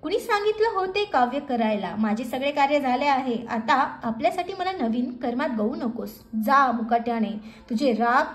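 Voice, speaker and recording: A fierce, contemptuous goddess scolding loudly in a devotional storybook reading, as a woman narrator puts her on. Her voice is high and rings in an echoey room. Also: lively intonation, normal speed, few pauses, soft background music. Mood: furious. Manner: scolding, loud. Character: furious goddess Kali, female, fierce, contemptuous, roaring.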